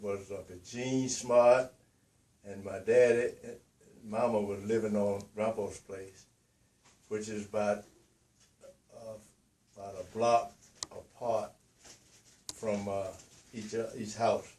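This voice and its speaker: Elderly man in his eighties, lowish voice, halting with many pauses, distant roomy mic. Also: level tone, warm tone. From Louisiana. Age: 80s. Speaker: interviewee. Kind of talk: casual family interview. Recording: roomy, distant mic, faint ambient noise.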